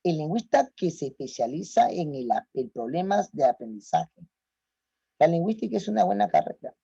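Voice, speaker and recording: A man's voice: fairly high pitch, very animated, moderate pace, gravelly, dark tone, slightly rough, dry recording. A man teaching an online lecture, emphatic and asking his students rhetorical questions. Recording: muffled lo-fi audio.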